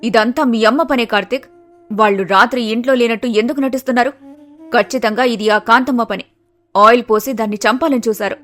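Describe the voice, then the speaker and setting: A woman's voice: fairly high pitch, fairly quick, close to an everyday voice. A woman doing a fierce police inspector. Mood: furious. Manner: angry, forceful.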